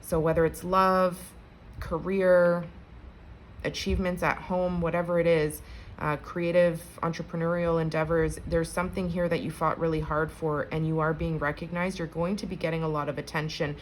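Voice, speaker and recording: A woman with a notably low voice gives a relaxed collective tarot reading. She talks in a chatty, conversational way and speaks straight to her viewers. Faint noise sits behind her voice. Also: moderate pace, poor audio. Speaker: tarot reader.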